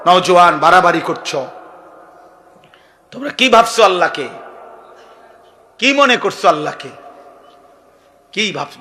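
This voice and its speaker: A man from Bangladesh preaching a sermon with a Bangladeshi Bengali accent, fervent and repetitive, rising to loud emphatic peaks. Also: high-pitched.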